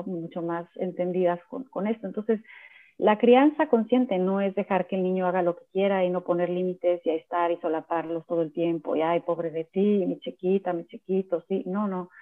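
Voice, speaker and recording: A mother in her thirties explaining parenting earnestly, often checking in with tag questions. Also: on the low side. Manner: earnest, uses examples, frequent tag questions. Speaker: guest, parenting speaker. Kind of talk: conversational explanation. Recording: tinny phone-like line.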